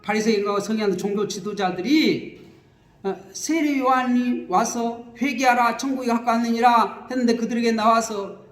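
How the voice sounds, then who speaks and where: A man preaching a sermon as pastor, explaining scripture with lively repetition and acted-out wailing, recorded in a church. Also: high voice. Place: church sanctuary. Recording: echoey church hall.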